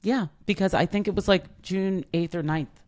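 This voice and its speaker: A woman co-hosting a casual chat podcast, agreeable and quick to chime in. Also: medium pitch, a little mellow. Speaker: podcast co-host.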